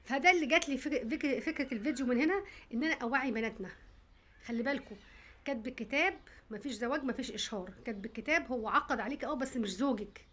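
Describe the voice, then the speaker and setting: A woman with an Egyptian accent gives fast, emphatic advice straight to her viewers. Her voice sits a little high, and she lectures in a direct, insistent way. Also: fairly bright tone, a little hiss or hum. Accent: Egyptian Arabic. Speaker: content creator.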